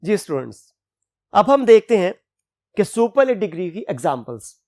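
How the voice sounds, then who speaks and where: A woman teaching an English grammar lecture, slowing down to read each rule in English and then explaining it in her own words. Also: mid-range voice, very animated, darkish tone. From Pakistan. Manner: reads English rules out slowly and deliberately, then explains in Urdu. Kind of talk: classroom lecture.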